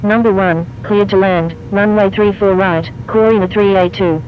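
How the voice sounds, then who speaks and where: A man's voice: high voice, steady tone, moderate pace. A man voicing an airline pilot making calls over a cockpit headset radio, with clipped, formal phrasing. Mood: calm. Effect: pilot radio call over a cockpit headset. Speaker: airline pilot reading back instructions. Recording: muffled radio with faint noise.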